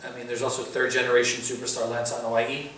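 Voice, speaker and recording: Sounding a bit bright, a man speaks fast and with a completely flat delivery at a medium pitch. He's a wrestling pundit in a casual interview, giving detailed, announcer-style previews of shows and reeling off titles and credentials. The room is very echoey, the mic distant, and there's faint noise.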